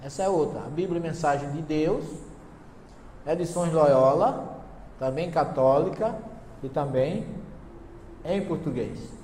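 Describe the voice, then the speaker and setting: A man's voice: a little high, slow pace, pauses often, dark tone. Man, Northeastern Brazilian accent, humorous lecturer, long hall reverb, faint hiss. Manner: humorous storytelling, asks the audience questions. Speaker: seminar lecturer on Bible translations. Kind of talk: lively seminar talk with anecdotes. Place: lecture hall before an audience.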